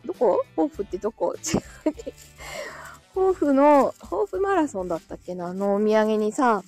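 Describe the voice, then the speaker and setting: A woman with a slightly high voice hosts a casual live audio stream, reading listener comments and thanking them. She is chatty and laughs often, and her throat sounds dry. Faint music plays underneath. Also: expressive, moderate pace, darkish tone.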